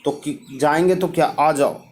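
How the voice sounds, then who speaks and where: A man teaches a mnemonic geography lesson. His voice sits a little high for a man. He keeps posing questions and answering them himself in a repetitive drill. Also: fairly even intonation, moderate pace, slight background noise. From Bihar, India.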